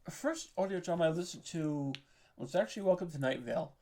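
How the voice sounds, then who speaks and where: He's an audio drama writer and producer guesting on a podcast, talking fast in a fairly high, animated voice with a dark tone. The chat is casual and informal, and he comes across as hesitant, self-deprecating and modest.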